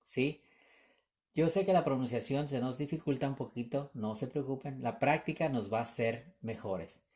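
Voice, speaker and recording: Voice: medium pitch, moderate pace, a little mellow. An English teacher giving a recorded grammar lesson, explaining patiently, repeating examples and often checking whether students follow.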